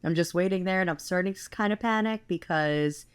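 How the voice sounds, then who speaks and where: A woman's voice: fairly low pitch, fairly quick, smooth, dry recording. A young woman co-hosting a podcast, telling a travel story in a chatty way full of fillers. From United States. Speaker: podcast co-host.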